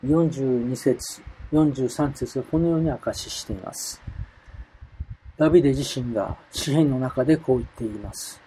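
A man preaching a sermon, reading Bible verses aloud in a measured way and explaining them. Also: mid-range voice, mellow, slight background noise, poor audio.

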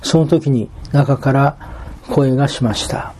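A male pastor delivers a sermon at a measured, calm pace. His voice is mellow and warm-toned. A faint hiss sits underneath the recording. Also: medium pitch. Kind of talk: sermon with scripture reading and storytelling.

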